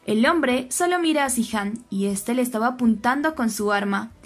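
A woman narrating a scripted soap opera recap, telling the story in a steady way and giving the quoted lines only a slight lift. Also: on the high side, normal speed. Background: faint background music.

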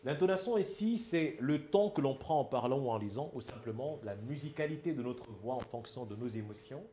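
A man's voice: medium pitch, animated, fairly quick, dark tone, echoey room, slight background noise. A man with a Cameroonian French accent giving an emphatic speaking lesson and often checking that his listeners follow. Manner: emphatic, asks the audience if it is clear. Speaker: public speaking trainer. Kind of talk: instructional talk.

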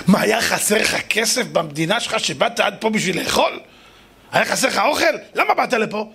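Scornful wise women shout down a greedy conqueror, voiced by a male preacher. The voice goes shrill and high and swings wildly. Its tone stays slightly husky. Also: animated, full character voice. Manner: mocking, shouting. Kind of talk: sermon storytelling.

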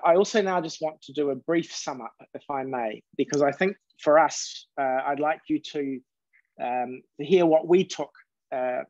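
A middle-aged man moderating a panel on a video call, courteous and measured as he sums up. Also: medium pitch, a little mellow, no room sound. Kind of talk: webinar moderation and summing up. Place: indoor home office. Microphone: earbuds on a video call. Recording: dry, dull lo-fi call audio.

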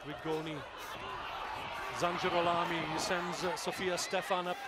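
High-voiced male match commentator over loud crowd. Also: level tone, measured pace, very noisy. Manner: chatty, anecdotal, fond of background details. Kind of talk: live sports commentary. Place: outdoor stadium.

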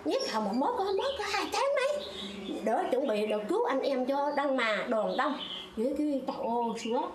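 An older former stage actress from Phú Yên, telling a wartime memory in an animated, exclamatory way. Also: female voice, reverberant, background noise. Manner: animated storyteller, pitch leaping high in exclamations. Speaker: former hát bội actress. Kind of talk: emotional war memory interview.

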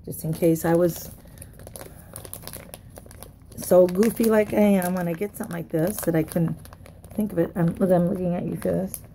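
A woman's voice: lowish voice, gravelly, warm tone, a little hiss or hum. A woman chatting casually to viewers as she unwraps craft mail, gushing and a little tired. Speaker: craft vlogger. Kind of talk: casual unboxing chat.

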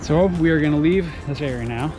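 A man's voice: on the high side, fast talker, over music. A young man casually narrating a hike outdoors in the woods, talking to a handheld action camera. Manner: relaxed, easygoing narration to camera. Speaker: vlogger. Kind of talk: casual hiking vlog chat. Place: outdoors in wooded lakeside hills.

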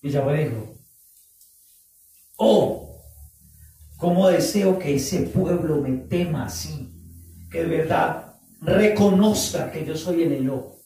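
A man preaching a sermon, animated, acting out quoted voices and drawing out phrases for emphasis. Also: fairly high pitch, takes it slowly, pauses often, a little hiss or hum. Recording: echoey room, voice from far off the mic.

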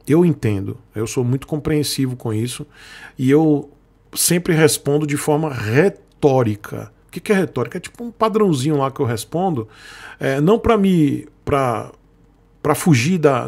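A man with a fairly high, creaky, darkish voice and lively intonation talks at a moderate pace to viewers he calls "gente." He's a sponsored Brazilian motorcycle creator speaking Brazilian Portuguese, casual and long-winded, repeating himself and returning to earlier points.

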